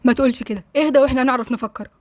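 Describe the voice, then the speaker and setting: A woman with an Egyptian accent voicing a man who firmly calms his angry brother. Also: high-pitched, very fast, no echo, lightly acted. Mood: calming. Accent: Egyptian Arabic. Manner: firm, calming. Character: calm older brother trying to settle things.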